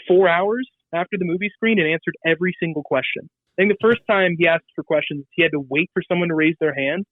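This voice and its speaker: A man's voice: fairly high pitch, no room sound. Male radio guest from Southern California, loose rambling delivery, phone-quality audio, dry. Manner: loose, rambling, crude humor with many fillers. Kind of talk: casual radio interview. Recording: tinny phone-line sound.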